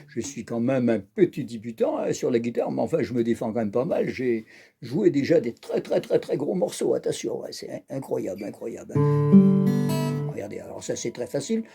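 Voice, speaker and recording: His voice mid-range, dark and creaky, the accordion-channel host speaks a little fast and very animatedly as he strums a guitar for the camera. He is a chatty, jokey, bawdy storyteller who teases and keeps adding "hein" and "incroyable."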